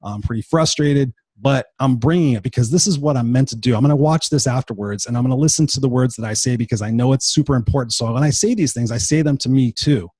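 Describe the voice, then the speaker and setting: A man in his fifties delivers an unscripted motivational monologue, swearing freely and pressing his points hard. His voice is husky and sits at a middle pitch. He sounds worn out and unwell, and the recording is dry with no room sound. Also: a little mellow, dry recording. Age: 50s. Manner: blunt, profane, emphatic. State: tired and unwell. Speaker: motivational podcast host.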